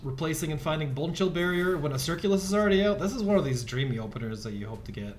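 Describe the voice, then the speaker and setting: A man casting a digital card game tournament, calmly explaining plays and rules as they happen. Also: fairly high pitch, fast talker. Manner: explanatory, relaxed, gives rules tips. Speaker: esports caster. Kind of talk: play-by-play commentary.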